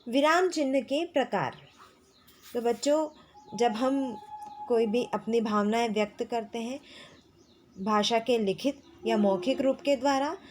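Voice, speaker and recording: A woman teacher explaining grammar to schoolchildren, slow and patient, repeating key phrases. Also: fairly high pitch, a little hiss or hum. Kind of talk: classroom lesson explaining grammar.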